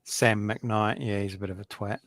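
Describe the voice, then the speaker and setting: A man from New Zealand with a fairly low voice, recorded close and dry. He chats casually, swearing freely and mocking himself. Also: fairly even intonation, moderate pace, a bit bright, no room sound. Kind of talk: casual chat.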